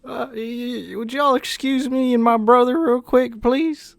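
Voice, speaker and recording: A man's voice: very high voice, steady tone, a little slow, creaky, no room sound, full character voice. A man voicing a simple, folksy grown brother with a drawling rural dialect and fretting exclamations, in a tabletop game. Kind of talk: tabletop role-play voice.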